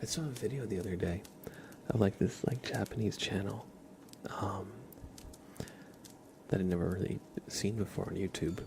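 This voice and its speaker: As an ASMR host, a man with a low, gravelly, fry-laden voice murmurs softly and haltingly close to the mic, often slipping into a whisper during soft-spoken chat and playful roleplay. Clear background noise with clicking runs behind him.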